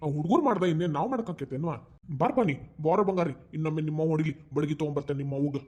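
An actor voicing a gentle, indulgent grandfather in a cartoon, with a North Karnataka Kannada accent, soothing and calming. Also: on the high side, racing, close to an everyday voice. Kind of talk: cartoon voice acting.

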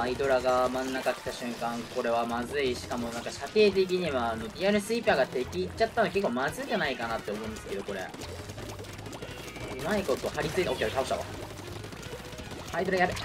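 A man giving live gameplay commentary, reacting as he goes, between muttering to himself and exclaiming. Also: mid-range voice. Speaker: gaming streamer. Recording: music and game audio behind. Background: video game music.

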